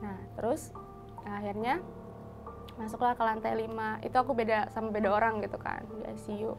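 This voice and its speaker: A young woman with a fairly high voice tells a story in casual slang. She switches voices often to act out the people in the story. A faint music bed plays underneath her. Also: a little fast, creaky. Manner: animated, acts out quoted dialogue in shifting voices. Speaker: hospital nursing intern telling a ghost story.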